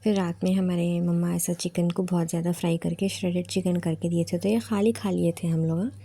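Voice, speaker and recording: A woman's voice: fairly low pitch, fairly even intonation, fairly quick, creaky, dark tone. A young woman narrating her day vlog in a casual, chatty, rambling way, mixing in English words. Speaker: vlogger.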